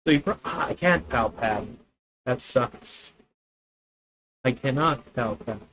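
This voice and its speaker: A man's voice: medium pitch, expressive, slow pace, a bit bright, a little hiss or hum, rough recording. A man with a Filipino accent thinking aloud as he plays a card game on stream, chatting with viewers. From Philippines. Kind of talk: live card game commentary.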